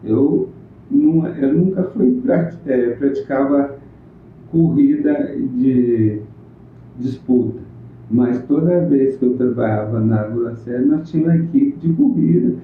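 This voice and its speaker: A man, recalling local history in a plainspoken, unhurried casual interview. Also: mid-range voice, a little hiss or hum. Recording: echoey room on a tinny phone-like line.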